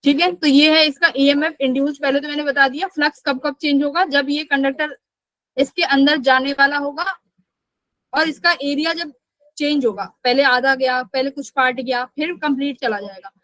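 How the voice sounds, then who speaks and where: High-voiced woman teaching physics. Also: steady tone, normal speed, bright, forceful tone, dry recording, low-quality recording. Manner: asks students questions and answers them herself; scolding when students skip class. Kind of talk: live online class lecture.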